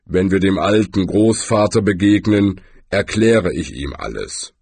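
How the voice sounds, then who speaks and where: A man voicing a huge, gloomy male troll who speaks slowly and deliberately. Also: animated, creaky, a little mellow, breathy edge, dry recording, exaggerated voice. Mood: firm. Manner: slow, deliberate and rumbling.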